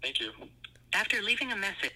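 A man's recorded voicemail greeting with a stiff delivery, played back over a glitchy phone line whose pitch jumps up and down. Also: sing-song, fairly quick, pushed and bright, slight background noise. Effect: glitchy phone audio with jumping pitch.

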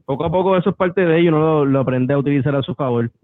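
Man, self-deprecating, slightly high voice, phone-like tinny audio. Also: very fast, no room sound. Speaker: band member guest. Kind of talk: casual interview chat. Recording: tinny phone-like radio sound.

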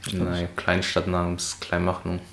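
A man's voice: deep voice, completely flat delivery, normal speed, fairly bright tone. A young man from Germany in casual chat with an old school friend, speaking hesitantly with many fillers, recorded at home.

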